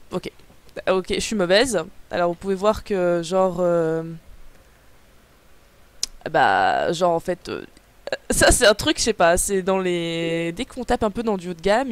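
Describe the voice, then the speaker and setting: A woman's voice: on the low side, lively intonation, moderate pace, dry recording. A young woman chatting casually on a live unboxing stream, rambling with lots of fillers and answering chat messages aloud. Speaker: livestreamer.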